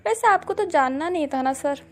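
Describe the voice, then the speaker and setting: A woman's voice: high voice, lively intonation, fairly quick. A woman voicing a loyal young male assistant who speaks politely and teases his boss a little. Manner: polite, keeps saying sir.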